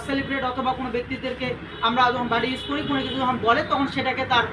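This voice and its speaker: Woman, English teacher in a classroom, high voice, drills phrases slowly, recorded from a distance. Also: background noise. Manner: drills English phrases slowly, corrects pronunciation, quizzes students. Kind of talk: classroom lesson.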